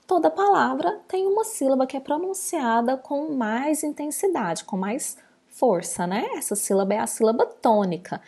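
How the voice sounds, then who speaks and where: Gravelly, animated woman teacher. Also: on the high side. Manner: patient, stretches out words syllable by syllable. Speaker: primary school teacher. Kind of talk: recorded remote lesson for children.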